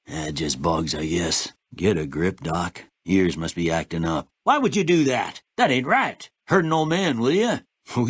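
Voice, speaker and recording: An actor playing a kindly, stubborn old frontier town doctor in a video game, with a husky voice and a folksy drawl. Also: male voice, lowish voice, fairly bright tone, no echo, full character voice. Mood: grumbling, then alarmed, scolding. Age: older. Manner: folksy, plain-spoken drawl. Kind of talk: video game character dialogue.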